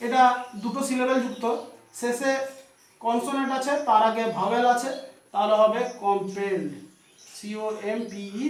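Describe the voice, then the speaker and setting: A male teacher giving a classroom grammar lesson, spelling words out letter by letter and often checking in with "okay?". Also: extremely high pitch. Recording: echoey room, voice from far off.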